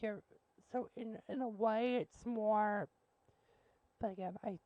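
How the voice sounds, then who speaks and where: A woman's voice: mid-range voice, steady tone, takes it slowly, no room sound, highs cut off. A woman hosting a call-in show, blunt and joking, rambling between callers. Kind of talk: casual call-in radio chat.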